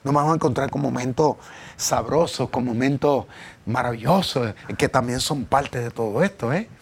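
A middle-aged man preaching a sermon, telling his own story earnestly, with emphatic peaks and hushed asides. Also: medium pitch, normal speed, slight background noise. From Puerto Rico. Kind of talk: sermon with personal testimony.

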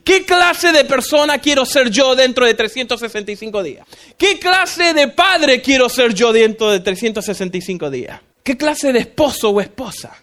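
A male pastor giving an animated sermon, acting out voices and dropping in English phrases. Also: very high voice, normal speed.

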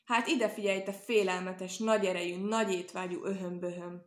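A woman voicing a sly, vengeful male fox in a storybook reading, with a sharp, scolding tone. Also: medium pitch, natural voice. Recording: roomy echo.

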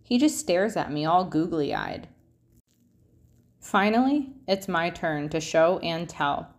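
A woman reading a children's picture book aloud expressively, with drawn-out phrase endings. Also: on the low side, lively intonation.

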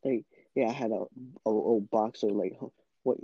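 Young man, tired, halting, casual podcast chat, dry close mic. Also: lowish voice, slightly rough, dry recording, lo-fi sound. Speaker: podcast co-host.

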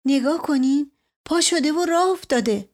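An eager, caring young daughter, as a woman narrator voices her in an audiobook, coaxing and bright. The pitch climbs well above the narration, light and lifted. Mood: excited. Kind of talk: audiobook character voice.

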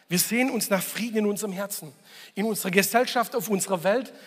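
A man's voice: high-pitched, fairly bright tone, long reverb tail. A man preaching a Sunday sermon as pastor, talking conversationally, asking the congregation questions and repeating key phrases for emphasis.

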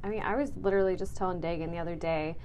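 A woman co-hosting a podcast in casual chat, animated and quick to swear and laugh. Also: lowish voice, slight background noise. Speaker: podcast co-host.

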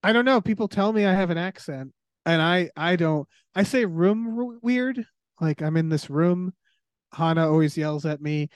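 A man's voice: high-pitched, animated, normal speed, clear, resonant tone, no room sound. A man from Western Massachusetts, a podcast guest chatting casually with easygoing, agreeable replies. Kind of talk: casual chat.

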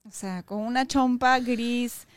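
Una mujer con acento peruano que cuenta una anécdota personal de forma animada, con muchas muletillas y frases que retoma, en una charla casual de pódcast. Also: female voice, on the high side, slow pace, no room sound. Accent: Peruvian Spanish. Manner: animated rambling storytelling, restarts and fillers. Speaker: podcast co-host telling a personal story. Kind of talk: casual chat.

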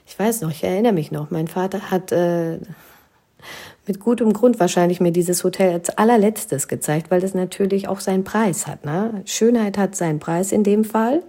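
Chatty young woman telling a funny story, gravelly, dark and warm, lots of filler words. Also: medium pitch. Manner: chatty, humorous, frequent tag "ne?" and "äh". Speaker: storyteller recounting her own wedding. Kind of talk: casual spoken anecdote.

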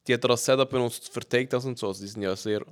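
A young man with a Swiss German accent co-hosting a casual chat, explaining things calmly with hesitant fillers. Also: medium pitch, rapid-fire. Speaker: co-host.

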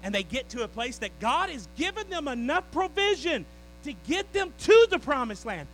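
A man preaching a sermon, swinging from loud declarations to low, joking asides with his congregation. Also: very animated, moderate pace, slight background noise, poor audio.

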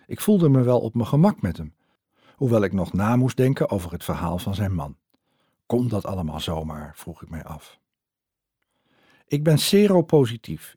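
A man with a husky, somewhat low voice narrates a first-person memoir. His delivery is reflective and earnest. The recording is dry and close, with no room sound. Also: a little mellow, no room sound.

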